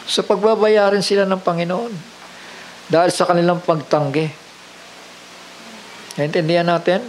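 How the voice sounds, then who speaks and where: A man's voice: sits high, steady tone, normal speed, poor audio. Guy preaching, keeps asking the crowd right? yeah?, faint noise and roosters out back. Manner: peppers the congregation with rhetorical questions; mixes English phrases into his preaching. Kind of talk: sermon.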